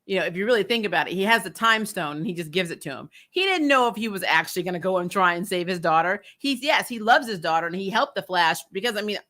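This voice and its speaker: Fast and barely pausing, this woman's mid-range voice is pushed and bright, with lively intonation. As host of a TV show review vlog, she rants through a casual recap, bluntly, sarcastically and with some swearing and exasperation.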